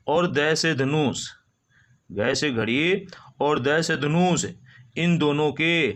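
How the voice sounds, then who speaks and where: A man teaching a phonetics lesson, reading out example words slowly and with drawn-out care. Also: medium pitch, a bit bright. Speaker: English teacher.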